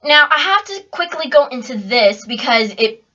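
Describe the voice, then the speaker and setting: A young woman reviewing an anime in a chatty, excitable way, talking straight to her viewers. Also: high voice, moderate pace. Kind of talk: casual video review. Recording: dull lo-fi home recording.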